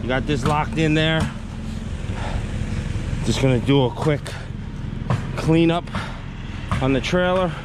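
A man's voice: fairly high pitch, slow pace, long pauses. A man explaining in a practical, plain-spoken way how he chains equipment down, recorded outdoors on an action camera. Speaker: equipment operator explaining tie-down. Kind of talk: casual how-to narration while working. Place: outdoors on a trailer at a job site. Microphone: action camera mounted on the trailer. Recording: loud outdoor noise behind.

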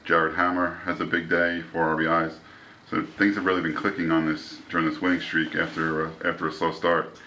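A man's voice: deep voice, completely flat delivery, brisk, sharp tone, a little hiss or hum, rough recording. A man interviewing a coach after a game, reading off stats before he asks each question. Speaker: sports interviewer. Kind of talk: postgame sports interview questions.

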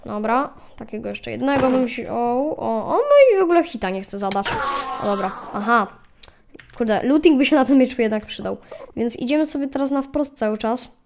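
A woman's voice: on the high side, lively intonation, normal speed, gravelly, darkish tone, slight background noise. A woman casually commenting on her gameplay, chatting to viewers and yelping at attacking mobs. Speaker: gaming channel host. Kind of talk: casual let's play commentary.

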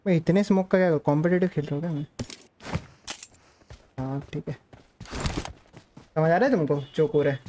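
A man's voice: a little high, normal speed, long pauses, mellow. Man streamer, casual game commentary, chatty and joking, noisy game sound behind. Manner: chatty, joking with chat and players. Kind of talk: casual live gaming commentary.

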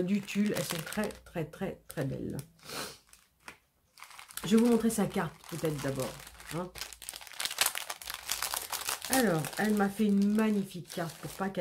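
A woman's voice: fairly low pitch, darkish tone. A woman hosting a scrapbooking channel, unboxing mail in a casual, chatty way with many hesitations and repeated words, sniffling a little. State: sniffling after sneezing.

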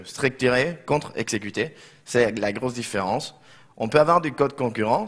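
A man's voice: on the low side, a bit bright. Spanish-accented man presenting in slightly broken French. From Barcelona, Spain. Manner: slightly broken non-native French, hesitant with frequent reformulations. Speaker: conference speaker, software developer. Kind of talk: technical conference presentation. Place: conference room, indoors.

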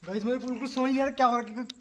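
A young man vlogging a night ghost hunt in a factory yard, calling out tensely into the dark. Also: very high-pitched, fairly even intonation, rapid-fire, reverberant, a little hiss or hum.

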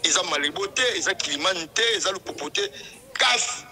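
A man, a football supporter, talking in a heated interview. He speaks in a very bright, piercing tone and presses the same points again and again with insistence. He talks fast and in a high register. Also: animated. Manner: insistent, emphatic, repeats his points. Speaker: club supporter.

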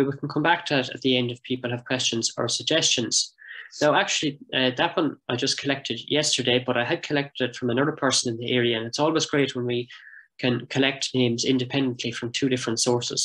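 A middle-aged man giving a heritage lecture as a project coordinator, speaking in a measured, explanatory way, slowing down to sound out pronunciations and clearing his throat now and then. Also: medium pitch, fairly bright tone, rough recording.

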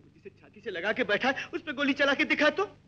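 An earnest, simple village man who pleads and swears oaths with total conviction. The voice sits very high and sharp. It comes from a muffled 1960 film soundtrack. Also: animated, fairly quick, a little hiss or hum, full character voice. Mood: accusing. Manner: impassioned, swearing oaths, imploring.

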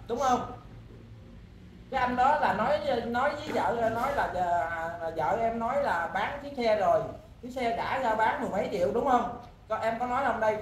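A man, a husband, pleading and explaining at length in a rambling way that repeats itself. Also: high voice. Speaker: husband in a marital dispute. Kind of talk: emotional pleading talk. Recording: echoey, with background noise.

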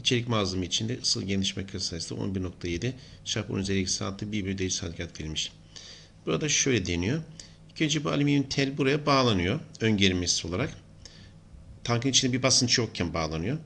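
Gravelly low-voiced man teaching step by step. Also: a little hiss or hum. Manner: steady explaining, thinking aloud while writing. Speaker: engineering lecturer. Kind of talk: whiteboard lesson.

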